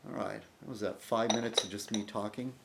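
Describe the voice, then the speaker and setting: Background noise accompanies a man whose gravelly voice sits on the lower side, with fairly even intonation and a slightly quick pace. Hosting a casual vlog, he rambles, cuts into his own sentences, and talks to his commenters.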